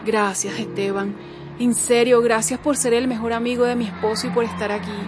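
A woman's voice: a little high, flat delivery, moderate pace, noisy background, lightly acted. A woman playing a heartbroken widow. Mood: sad. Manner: heartbroken, tearful. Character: grieving widow, middle-aged woman. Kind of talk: dramatic acting.

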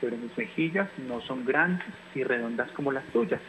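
A penguin lady from a storybook, sighing and apologetic as she answers, as a man reading aloud puts her on. The voice sits at a plain middle pitch. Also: expressive, normal speed, fairly bright tone, a little hiss or hum, rough recording.

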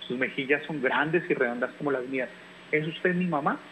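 A small, lonely yellow bird boy from a storybook, pleading and wistful as he asks each animal whether she is his mother, as a man reading aloud puts him on. The voice sits at a plain middle pitch. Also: normal speed, slight background noise, close to an everyday voice, low-quality recording. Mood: hopeful.

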